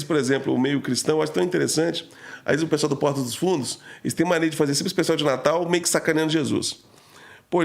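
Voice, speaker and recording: Podcast guest: a rapid-fire male storyteller with a gravelly voice, slangy and emotional. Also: on the high side. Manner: slangy, emotional, packed with fillers. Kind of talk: casual storytelling.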